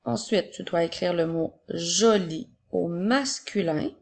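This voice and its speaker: Slow, gravelly-voiced woman teacher dictating. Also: on the low side, darkish tone. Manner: slow, clear dictation, repeating each word. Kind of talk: spelling and dictation lesson for young children.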